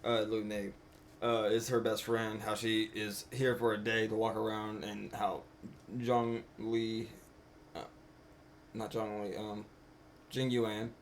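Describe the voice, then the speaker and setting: A man streaming games, retelling the story in an animated, laughing way and acting out characters. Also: fairly low pitch, slow, slight background noise. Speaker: streamer, co-host. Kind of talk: casual gaming stream chat.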